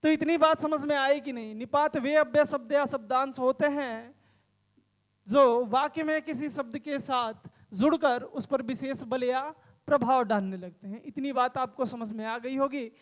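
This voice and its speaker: A man's voice: very high voice, moderate pace, long reverb tail. A man teaching grammar in a classroom lecture, explaining step by step and asking and answering his own questions.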